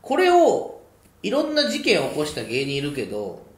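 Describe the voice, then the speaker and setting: A young man whose pitch swings widely, speaking his mind and teasing his partner. He sounds a little high for a man, and the studio has a roomy echo. He is one half of a comedy duo on a casual radio talk show. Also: wildly swooping pitch, moderate pace.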